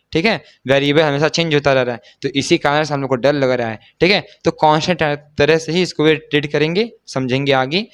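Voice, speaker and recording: A man's voice: fairly high pitch, a bit bright, clear, resonant tone. A young man tutoring algebra in a joking, teasing way, full of rhetorical questions and banter. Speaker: math tutor. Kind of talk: joking video lesson.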